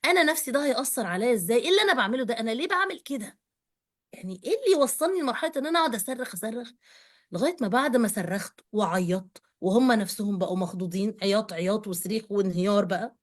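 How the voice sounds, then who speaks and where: Fast-talking Egyptian woman telling her story. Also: fairly high pitch. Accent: Egyptian Arabic. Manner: animated, conversational, addresses listener directly. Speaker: speaker sharing personal experience. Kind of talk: personal storytelling talk.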